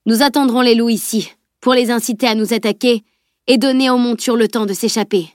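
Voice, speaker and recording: A woman's voice: on the high side, steady tone, fairly quick, no room sound, clean studio sound, lightly acted. A woman voicing a tense commanding male warrior leader who barks urgent orders in a storybook reading.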